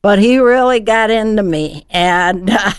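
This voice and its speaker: Clear, smooth-voiced older woman guest. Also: medium pitch, unhurried, no room sound, clean studio sound. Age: older, over 55. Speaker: radio show guest. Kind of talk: conversational interview answers.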